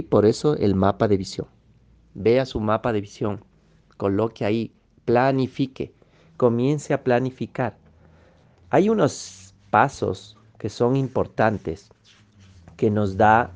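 A man's voice: lowish voice, darkish tone. A man giving a motivational lecture, emphatic, repeating key phrases and checking in with his listeners. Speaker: motivational speaker.

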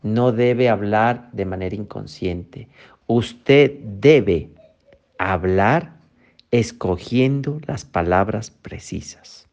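A man's voice: on the low side, drawn-out words, darkish tone, lo-fi sound. A man giving a motivational talk. He speaks emphatically, posing rhetorical questions and then answering them.

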